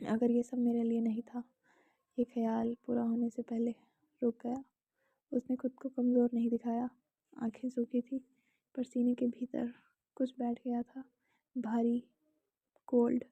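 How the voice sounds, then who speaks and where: A young woman with an Indian accent narrating a romantic story calmly, sometimes in a whisper, with casual asides to the listener, in a slightly dull, dry home recording. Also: on the high side, breathy edge, no room sound.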